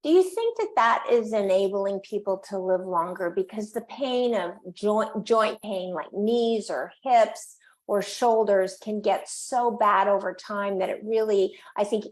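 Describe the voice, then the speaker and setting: Encouraging older woman interviewer, medium pitch. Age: 60s or older. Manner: encouraging, affirming, wordy questions. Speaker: interviewer, host. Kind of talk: conversational interview.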